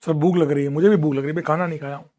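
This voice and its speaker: A man's voice: fairly high pitch, steady tone, rapid-fire, a little mellow. A young man teaching a live online class from a room at home, chatty and teasing as he answers students. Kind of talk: casual live class banter.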